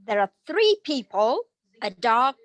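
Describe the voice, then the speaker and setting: Woman reading as a wicked witch: high, swooping, slow, gloating storybook villain, dry close sound. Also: big pitch swings, fairly bright tone, dry recording, heavily acted. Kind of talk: storybook read-aloud for English learners.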